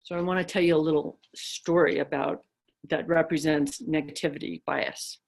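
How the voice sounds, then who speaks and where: A woman's voice: deep voice, steady tone, moderate pace, creaky. A woman dharma teacher giving a reflective talk, telling stories with casual fillers.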